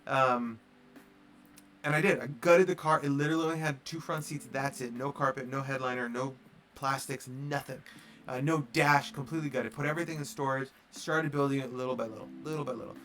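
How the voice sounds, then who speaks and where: A man's voice: mid-range voice, steady tone, fairly quick, a bit bright. A man telling a long casual story on a livestream, rambling with lots of fillers and acting out the dialogue. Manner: rambling, filler-heavy, acts out quoted dialogue. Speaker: streamer.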